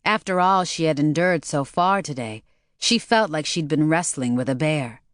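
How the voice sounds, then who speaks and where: A woman audiobook narrator giving a steady, scripted storytelling read. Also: sits low, moderate pace, dry recording, clean studio sound.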